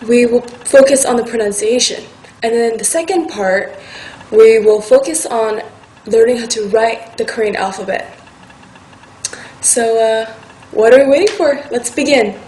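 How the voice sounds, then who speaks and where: A woman's voice: on the high side, lively intonation, unhurried, a little mellow, echoey room, slight background noise, rough recording. A woman teaching a language lesson, patiently repeating each syllable for learners to copy. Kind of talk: slow scripted language lesson.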